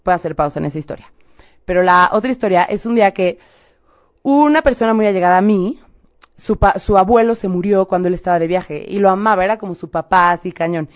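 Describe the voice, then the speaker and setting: A young woman with a Mexican accent, hosting a podcast and casually telling a personal story to her listeners in a slangy, animated way. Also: medium pitch, quick pace. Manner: animated, slangy, acts out quoted dialogue. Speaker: podcast host giving spiritual messages.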